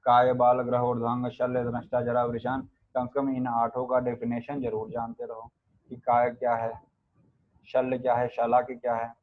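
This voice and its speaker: Man, Ayurveda lecturer, flat delivery, thin phone-like sound, recites Sanskrit verses, quizzes the class. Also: medium pitch, moderate pace. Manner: chants Sanskrit verses, quizzes students with rhetorical questions.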